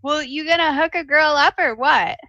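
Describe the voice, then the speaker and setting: A woman's voice: high voice, normal speed, bright, forceful tone, no echo, dull audio, pitched above the performer's own voice. A woman playing a free-spirited, brash adventurer with a slightly crackly voice and blunt, slangy talk.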